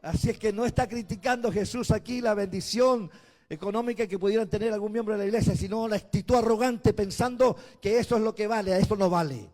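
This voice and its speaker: High-voiced preacher swinging to shouts. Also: male voice. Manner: swings from quiet to shouting emphasis; spells out words slowly. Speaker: bishop. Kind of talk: sermon.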